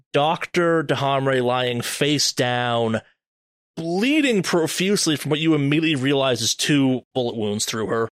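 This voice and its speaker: A man's voice: medium pitch, fairly bright tone, dry recording, clean studio sound. A man narrating a tabletop horror game as game master, describing scenes casually with fillers.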